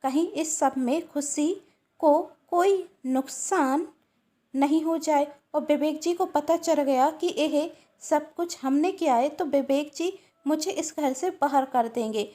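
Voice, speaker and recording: A woman's voice: high voice, slow, warm tone. A woman voicing a jealous young woman, an eager younger sister who talks in a doubtful, pleading way. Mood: anxious.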